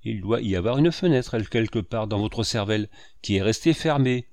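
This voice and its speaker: A hot-headed, heavy-set man who rages and fires one question after another, read by a man. His delivery is vehement and loud. The voice sounds dry and close. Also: mid-range voice, sing-song, slow, no room sound.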